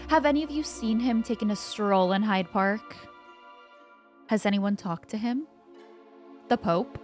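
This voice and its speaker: Stern male professor who lectures and challenges his class, measured and dry , read by a woman in her own voice over faint game music. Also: mid-range voice, natural voice. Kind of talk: reading game dialogue aloud.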